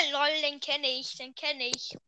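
A woman's voice: sits high, little pitch movement, slow, sharp tone, a little hiss or hum. A woman guest on a casual podcast, chatting offhandedly while eating snacks and nitpicking the jokes. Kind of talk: casual chat.

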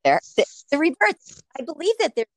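A woman from Philadelphia talking reflectively in a relaxed conversation, acting out her own shouting when she tells stories. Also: sits high, brisk, dry recording. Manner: animated storyteller, acts out her own shouting.

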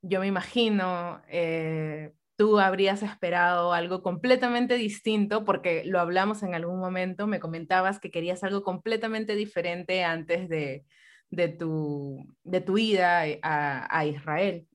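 A woman's voice: on the low side, measured pace. A woman interviewer asking a long question in a casual, hesitant way, full of fillers and restarts.

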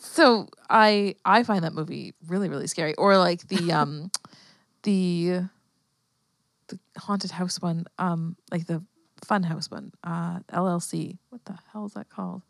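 Casting: young woman, lowish voice, loose chatty podcast host, dry close sound. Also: unhurried, gravelly, dry recording. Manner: laughs often, rambling with fillers. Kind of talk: casual chat.

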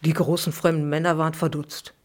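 A middle-aged children's author reads one of her own bedtime stories on a podcast, briskly and in a low voice, with lively expression throughout.

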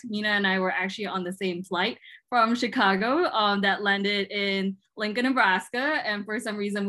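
A woman's voice: mid-range voice, fairly bright tone. A young woman from Malaysia, a graduate student guest on a podcast, talking casually with lots of "um" fillers over a call. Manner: chatty, many "um" fillers. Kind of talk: casual interview talk. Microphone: video call.

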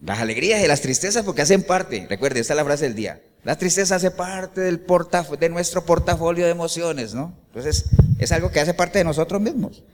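Animated man preaching in a reverberant hall. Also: fairly high pitch, brisk. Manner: animated preaching with rhetorical questions to the congregation. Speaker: pastor. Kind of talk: sermon.

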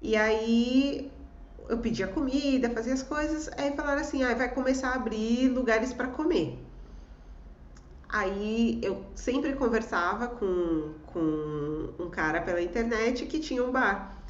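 Animated woman telling a story in an echoey room. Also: a little high, unhurried, highs cut off. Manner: animated, acts out quoted voices, laughs often. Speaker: guest telling a personal story. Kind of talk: casual storytelling conversation.

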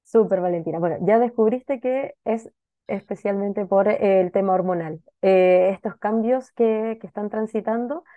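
A woman, a child psychologist, giving advice and often pausing with fillers and checks like "right?". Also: mid-range voice, no echo, narrow, tinny audio. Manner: thoughtful, many fillers and checking "¿ya?". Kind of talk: advice talk answering a listener question.

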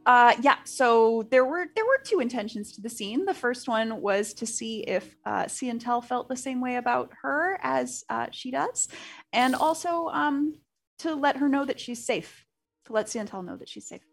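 A woman chatting casually as a tabletop game player, giggly and animated. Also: a little high, moderate pace, creaky, soft background music. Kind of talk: casual chat.

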